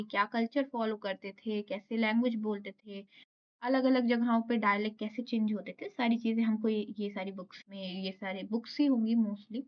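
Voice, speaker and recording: A woman teacher giving an exam-prep literature lecture, reading notes slowly and then explaining them. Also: on the high side. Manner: explains in mixed Hindi and English, reads English notes slowly then restates. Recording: dull lo-fi audio.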